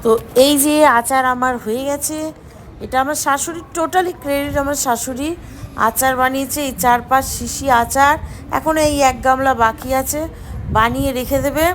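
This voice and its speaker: A woman with a very high voice talks through a casual home vlog, teasing and coaxing the people around her. Her talk is quick and lively, and a faint household noise sits under the phone-camera sound. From Bengal. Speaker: vlogger. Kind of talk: casual family vlog chat.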